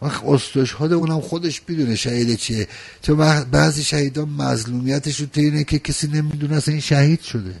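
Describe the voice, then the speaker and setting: Gravelly man preaching with swinging emotion. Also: a little high, steady tone. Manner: emotional, swings from loud pleading to soft intimate talk. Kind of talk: religious sermon.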